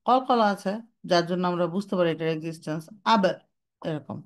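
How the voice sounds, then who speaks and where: A woman's voice: on the low side, a little fast. A young adult woman teaching Quran recitation in an online lesson, explaining step by step, asking and answering her own questions, and mixing English terms into her speech.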